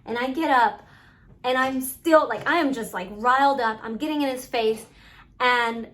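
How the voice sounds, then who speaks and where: A woman telling her own story straight to camera in a personal vlog, earnest and halting, pausing often as she goes. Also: on the high side, fairly bright tone. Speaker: vlogger recounting her own experience.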